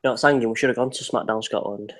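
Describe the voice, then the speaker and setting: Man, mid-range voice, rambling and easygoing in a relaxed live-stream chat. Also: medium pitch, racing, a little hiss or hum. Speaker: co-host of a live reaction stream. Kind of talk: casual chat.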